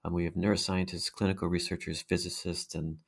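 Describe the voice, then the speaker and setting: A middle-aged man with a low, creaky, hypnotic voice answers interview questions conversationally as a guest researcher. He speaks briskly with little pitch movement.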